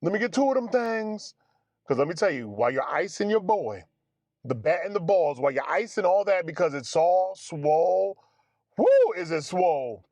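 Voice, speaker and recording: Lively higher-voiced man telling a story. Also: moderate pace, no room sound. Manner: animated, acts out dialogue, addresses listeners as family and fellas. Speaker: streamer. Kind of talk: casual storytelling to stream audience. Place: home streaming setup.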